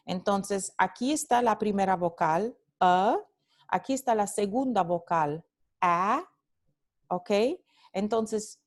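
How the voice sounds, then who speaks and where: Slow, deliberate woman teaching phonetics. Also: mid-range voice, a little mellow. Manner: slow, deliberate explaining, repeats example sounds and words; mixes in short English asides. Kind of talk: recorded lecture.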